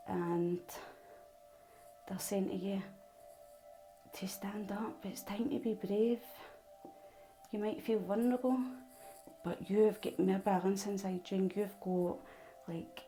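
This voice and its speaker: A woman's voice: mid-range voice, fairly even intonation, slow pace, pauses often, mellow, faint music behind, rough recording. A Scottish woman with a Glasgow accent, giving a casual, rambling tarot reading straight to the viewer. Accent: Glaswegian Scottish. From Glasgow, Scotland. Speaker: tarot reader.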